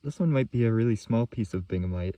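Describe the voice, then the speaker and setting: Casting: young adult male vlogger, low laid-back voice, casual commentary, dry close sound. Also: fast, dark tone, no echo. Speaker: rock hunting vlogger. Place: outdoors in a yard and rock field, or inside a parked van. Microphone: phone at arm's length.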